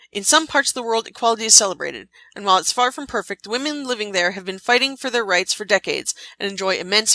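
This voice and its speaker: Bright, crisp-voiced woman narrating a recap. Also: mid-range voice, no room sound. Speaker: podcast host. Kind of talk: scripted narration.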